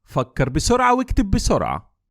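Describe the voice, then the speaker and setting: A man with an Egyptian Arabic accent teaching English, quizzing his viewers and saying the model phrases slowly and deliberately. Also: high-pitched, no echo, studio quality. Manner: lively quizzing delivery. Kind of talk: language lesson quiz.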